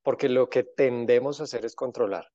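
A man, a guest in an interview, explaining in a calm, reflective way. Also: mid-range voice, brisk, no echo. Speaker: guest, grief author. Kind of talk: conversational interview. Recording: dry, dull lo-fi sound.

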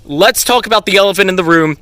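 A young man hosting a casual podcast chat with friends, loud and playful, often shouting and hyping the others up. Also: high-pitched, fast. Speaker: podcast host.

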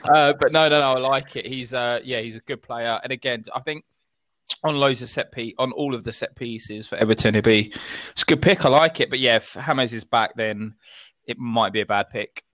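A man's voice: mid-range voice, normal speed, fairly bright tone, no echo. A man chatting casually as a panellist on a football podcast. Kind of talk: casual chat.

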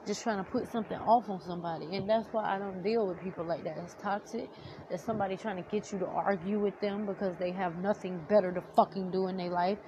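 A young woman vlogger rants heatedly to camera in a storytime video, swearing bluntly and heavily. Her medium-pitched voice is slightly nasal and teary, as if she's about to cry, and she speaks quickly in a steady tone. The audio has noticeable background noise, with the highs cut off.

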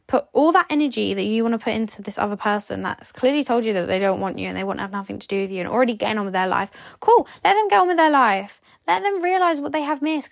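A woman's voice: on the high side, creaky, no room sound, clean studio sound. A young woman hosting a podcast, giving blunt, sleepy, chatty breakup advice with lots of "like" and some swearing. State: sleepy, yawning. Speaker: podcast host. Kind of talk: casual advice monologue.

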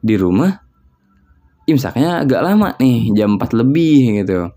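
A man's voice: medium pitch, big pitch swings, measured pace, dark tone, faint music behind. A young man from West Java in a casual solo chat, rambling and musing aloud with lots of filler words. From West Java, Indonesia.

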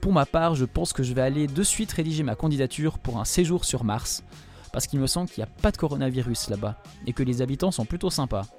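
A man's voice: mid-range voice, fast talker, a little mellow, faint music behind. A man reading a scripted student radio column with wry jokes. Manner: wry, jokey delivery.

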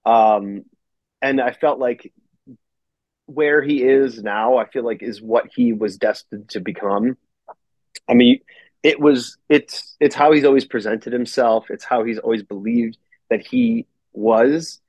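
With a medium-pitched, animated, slightly mellow voice and no echo, a wrestler-turned-company owner speaks at a measured pace on a laid-back podcast; the recording is dry and slightly muffled. He's rambling and foul-mouthed, leaning hard on "like."

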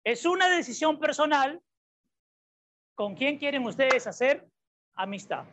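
Background noise sits under a dull lo-fi recording of a woman's high-pitched, animated, unhurried voice. As a preacher and psychologist, she reads the Bible in her sermon, asks the congregation questions and keeps returning to her key points.

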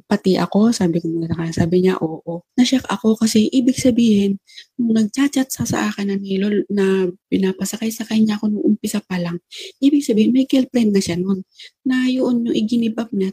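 A woman tells a personal story in a casual, unpolished way, often stopping to restart her sentences as she retells what was said. Her voice is husky and mellow, with a flat, level delivery. The recording is dry, with no room sound. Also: mid-range voice, no echo. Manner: retells dialogue with many "I said" tags and halting restarts. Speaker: storyteller recounting a personal experience.

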